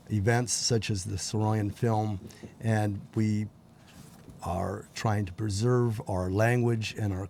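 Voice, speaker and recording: A middle-aged man as a guest on a TV interview, speaking haltingly with many pauses and fillers. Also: fairly low pitch, darkish tone, slight background noise. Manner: halting, many ums and uhs. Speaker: guest from a community organization.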